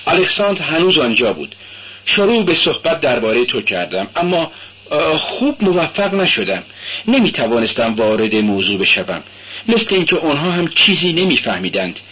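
A man reading aloud and voicing an excitable, loyal young male friend with an animated, eager, pitched-up delivery. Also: highs cut off, a little hiss or hum.

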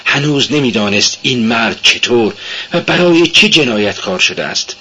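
A man giving a dramatic literary reading, measured and intense. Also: mid-range voice, big pitch swings, pushed and bright, a little hiss or hum, low-quality recording. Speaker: narrator.

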